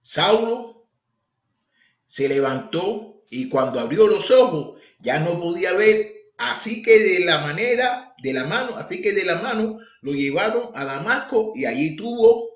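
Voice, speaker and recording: Guy preaching a bible lesson, bit high voice, roomy muffled sound. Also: measured pace. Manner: animated, asks the listeners questions. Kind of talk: bible study sermon. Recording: echoey, lo-fi room recording.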